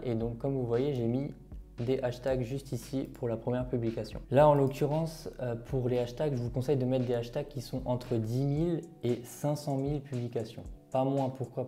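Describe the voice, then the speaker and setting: A young man with a French accent walks viewers through a tutorial with a very dark, mellow tone. He keeps pausing on fillers and asks himself questions before he answers them. Faint music plays under his voice. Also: medium pitch. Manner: explains step by step with frequent fillers and rhetorical questions. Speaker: online marketing creator. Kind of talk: screen-share tutorial talk.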